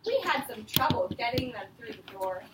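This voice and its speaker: A woman teacher reads to young children at a moderate pace, her slightly high voice swinging widely in pitch. She explains simply and often asks the children questions. This elementary school classroom is echoey, and the distant mic catches faint noise.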